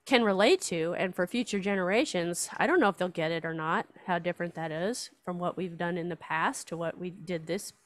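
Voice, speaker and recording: A woman's voice: on the low side, fairly quick, hardly any pauses, dry recording. An older woman, a writer and artist, chatting casually, laughing often and reading her own poem aloud. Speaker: writer and artist, show regular. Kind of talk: casual chat and poetry reading.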